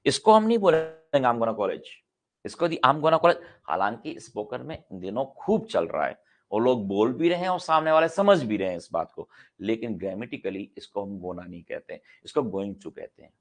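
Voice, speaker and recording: A middle-aged male grammar teacher with a gravelly edge to his voice. He lectures like he's in a classroom, putting questions to his students and answering them himself. He says his example sentences again and again for practice. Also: medium pitch, very animated, moderate pace. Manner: repeats example sentences several times for practice.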